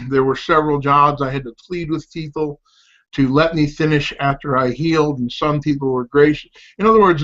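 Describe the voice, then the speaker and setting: A middle-aged man with a fairly high voice talks candidly to camera from a home office. His speech halts and slurs slightly, as though one side of his mouth were numb from the dentist. The sound is dull and lo-fi. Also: a bit bright. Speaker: home-based business promoter. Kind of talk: casual promotional talk to camera.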